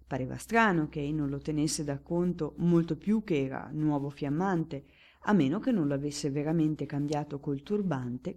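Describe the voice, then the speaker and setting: Woman, audiobook narrator, measured, clear, low voice, mellow tone. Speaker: audiobook reader.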